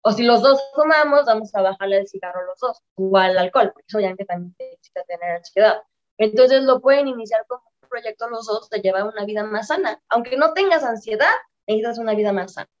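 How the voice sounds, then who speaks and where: A woman, calmly explaining and giving direct advice as the guest in an interview. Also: mid-range voice, dull audio. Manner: calm, explanatory, gives direct advice to listeners. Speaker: guest expert on anxiety and depression.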